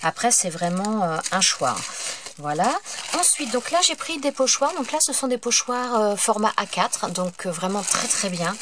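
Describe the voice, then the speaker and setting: A woman's voice: mid-range voice, noisy background. A woman presenting a casual craft supply haul at home, chatting freely, apologizing and stumbling over her words now and then. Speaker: craft vlogger. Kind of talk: casual product haul review.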